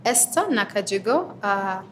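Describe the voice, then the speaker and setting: A young woman in her twenties from Uganda speaks earnestly in an interview. She answers reflectively, with pauses and small fillers as she gathers her thoughts. A faint hum of background noise sits behind her voice. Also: mid-range voice, big pitch swings. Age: 20s. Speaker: interviewee, advocate for women and girls.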